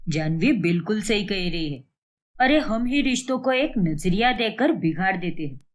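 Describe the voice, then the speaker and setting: A woman voicing a kindly older father-in-law in a cartoon story, calm and reasoning. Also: medium pitch, moderate pace, close to an everyday voice. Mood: gentle.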